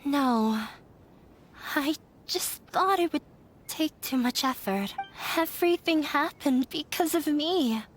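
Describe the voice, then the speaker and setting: A woman's voice: sits high, animated, slow. A woman playing a sad, self-blaming young scholar in a video game, speaking in a subdued, resigned way over music. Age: young adult. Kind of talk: video game voice acting, confessional dialogue. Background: background music.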